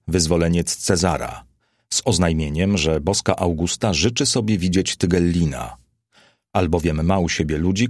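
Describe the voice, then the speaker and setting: A man narrating a historical novel as an audiobook, reading in a measured, even way. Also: sits low, breathy edge, no room sound, studio quality.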